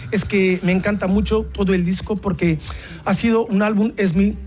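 A Portuguese man with a matching accent appears as a musician guest on a radio interview, frequently pausing while he searches for words. His voice is high, steady and somewhat dark.

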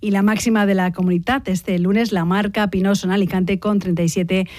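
Female news anchor, brisk scripted read, dry close studio sound. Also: medium pitch, dry recording. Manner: brisk, steady newsreader delivery.

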